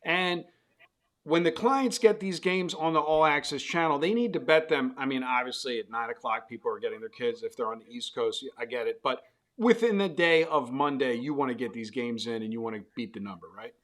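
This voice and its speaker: A man's voice: medium pitch, animated, a little fast, a bit bright. A middle-aged man hosting a casual betting chat, rambling and restarting his questions as he talks. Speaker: host. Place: Las Vegas.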